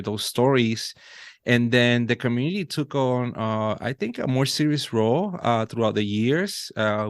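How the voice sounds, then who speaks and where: A Puerto Rican man in his thirties, a native Spanish speaker with a Puerto Rican accent, chats earnestly as a podcast guest in a casual interview. His voice is on the low side with a clean tone, captured in a dry, clean studio recording, and he restarts often and uses lots of fillers.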